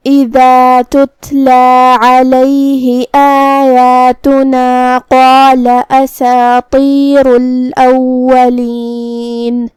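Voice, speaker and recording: A woman's voice: sits high, warm tone, no room sound, clean studio sound. A woman teaching a recitation lesson, explaining pronunciation rules step by step in a patient, instructional way. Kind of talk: tajweed lesson with slow chanted recitation.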